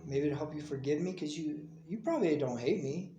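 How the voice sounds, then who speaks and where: A man's voice: on the high side, animated, a little fast, dull audio, slight background noise. Earnest middle-aged man, echoey room. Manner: earnest, pleading, drifts between soft mumbling and heated insistence. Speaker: father addressing his estranged child. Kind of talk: personal video message.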